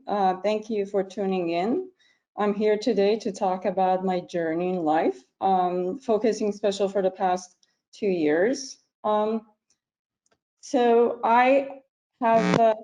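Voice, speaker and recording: Mellow-voiced middle-aged woman from iran, halting, lots of ums, video call talk. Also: medium pitch, poor audio. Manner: earnest, halting with frequent ums. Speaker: physician speaker. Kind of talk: personal presentation to a video call audience.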